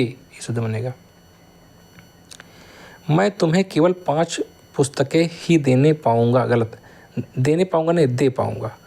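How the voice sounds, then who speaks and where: Man slowly reading, then briskly correcting. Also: medium pitch, gravelly, a little mellow. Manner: reads each sentence slowly, then explains briskly. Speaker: teacher. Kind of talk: Hindi grammar lesson, correcting sentences.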